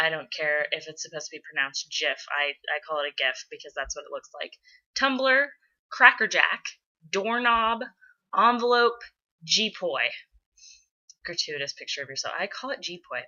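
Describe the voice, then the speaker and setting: A woman's voice: lowish voice, bright, forceful tone. An American woman talking casually on her own as she answers a questionnaire, with a wry, opinionated way of speaking, on a lo-fi home recording. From United States, born in California, moved between states. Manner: wry, opinionated asides with mild swearing. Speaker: blogger answering an accent challenge.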